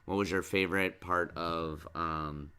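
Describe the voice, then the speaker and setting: A man's voice: low-pitched, steady tone, unhurried, bright, forceful tone, smooth. A middle-aged man hosting a casual sports podcast with his child, patiently asking question after question and coaxing answers. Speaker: podcast host and dad.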